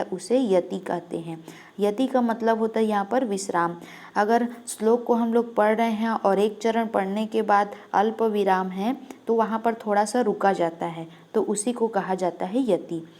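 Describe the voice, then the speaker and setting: A woman's voice: medium pitch, darkish tone. Woman teacher quizzing her own class. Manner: explains step by step, asks and answers her own questions; drags out sounds when demonstrating. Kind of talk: exam-prep lesson.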